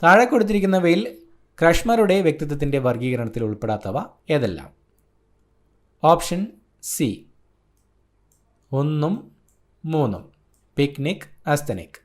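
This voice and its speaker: Man briskly reading an answer key. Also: a little high, very animated. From Kerala, India. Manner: brisk, listing answers in short clipped phrases. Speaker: exam coaching tutor.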